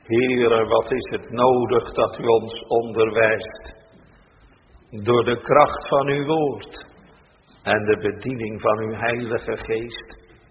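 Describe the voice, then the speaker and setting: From the pulpit, a pastor reads scripture during a church service in a slow, solemn, weighty cadence, his emphasis rising on key phrases. His medium-pitched voice has fairly even intonation and echoes through a long church reverb. The recording sounds dull and slightly muffled, with faint background noise.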